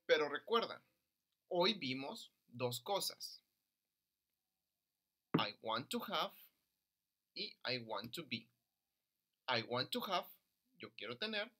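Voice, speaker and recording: Male primary teacher, unhurried, animated pitch, clear syllable drills for children. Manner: slow, drills pronunciation by repeating words; stresses syllables for children to repeat. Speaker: primary school English teacher. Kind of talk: recorded lesson for young children.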